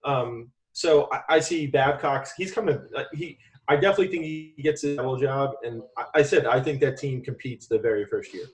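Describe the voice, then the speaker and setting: A man's voice: medium pitch, a little fast, far from the mic. A young man co-hosting a sports podcast who argues his opinions in a casual, straightforward way. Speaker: podcast co-host.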